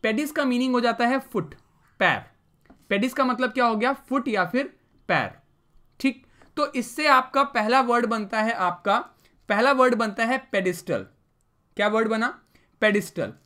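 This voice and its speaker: A man's voice: very high voice, a little slow, long pauses, pushed and bright. A male teacher giving a vocabulary lesson, mixing English terms into Hindi and asking the class questions he then answers himself. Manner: explains with repeated rhetorical questions.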